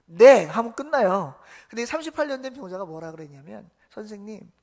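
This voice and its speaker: A man's voice: sits high, big pitch swings, quick pace. A male pastor delivers a Sunday sermon in a storytelling manner. He acts out the lines of the figures in his stories and keeps turning to the congregation with questions. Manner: storytelling, quizzing the congregation, acting out quotes.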